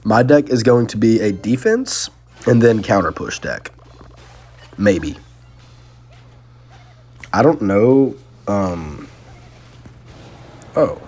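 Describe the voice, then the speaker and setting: A young man giving casual, excitable live commentary on his own gameplay, talking slangily to his viewers. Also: fairly low pitch, takes it slowly, pauses often. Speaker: gaming channel host. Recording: faint music underneath.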